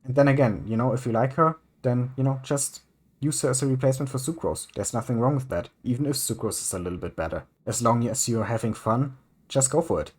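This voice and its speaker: A man's voice: medium pitch, a little fast, husky. A young man giving casual, rambling commentary over gameplay, full of ums and the odd swear word. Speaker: gaming YouTuber.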